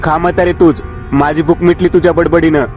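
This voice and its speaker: A man's voice: a little high, little pitch movement, a little fast, over music, natural voice. A man doing a snappish young villager. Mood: irritated. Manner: snappish, exasperated.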